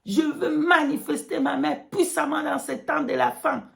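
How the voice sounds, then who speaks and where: A woman voicing almighty God speaking from a rock in a vision, solemnly proclaiming with drawn-out words. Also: high-pitched, vocal fry, pitched above the performer's own voice. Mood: solemn, commanding.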